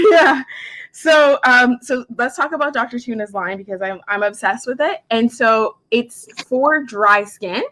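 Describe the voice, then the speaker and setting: A woman in her forties, a makeup artist and skincare specialist, chats casually about products on a live stream from home. Her voice sits on the high side, animated and fairly bright, and she keeps saying "like" and throwing in quick asides.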